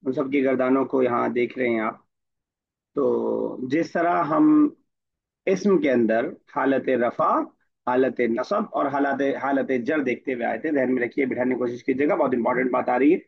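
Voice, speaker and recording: A man's voice: medium pitch, normal speed, vocal fry, slightly rough, dull audio. A man teaching an online Arabic grammar class, explaining patiently and quizzing his students by name.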